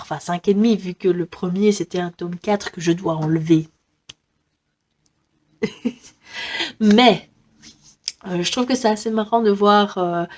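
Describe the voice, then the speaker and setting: A young woman with a French accent talks through her book wishlist in a relaxed vlog. She chats freely, fills pauses with hesitations and often breaks into small laughs. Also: on the low side. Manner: chatty, many fillers and giggles, reads blurbs aloud. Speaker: book vlogger.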